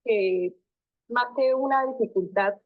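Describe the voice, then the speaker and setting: A woman's voice: a little high, slow, no room sound. A young woman student answering interview questions thoughtfully, hesitating with many fillers. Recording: tinny phone-like call audio.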